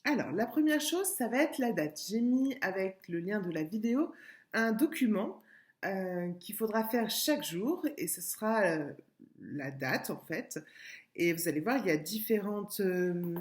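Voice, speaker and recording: Patient woman teacher, slow and lively in pitch, for a recorded early-school lesson. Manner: slow, patient, spells out syllables and repeats words. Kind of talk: remote classroom lesson video.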